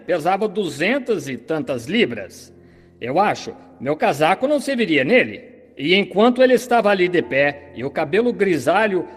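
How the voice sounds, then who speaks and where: A man preaches with fervent conviction, his voice sitting high and swinging widely in pitch. The sermon carries the even cadence of a dubbed translation, and a long hall reverb trails behind every phrase.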